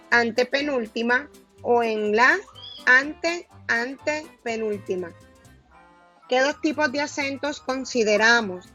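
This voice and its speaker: A woman teacher giving a recorded grammar lesson, stressing each syllable slowly and deliberately. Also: high-pitched, fairly bright tone, highs cut off.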